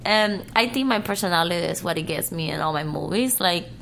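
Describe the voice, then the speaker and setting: A woman's voice: fairly low pitch, animated, fairly quick, creaky, fairly bright tone, a little hiss or hum. Giggly woman. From Cuba. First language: Spanish. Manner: giggly, talks in non-standard English grammar. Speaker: interview guest. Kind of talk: casual interview chat.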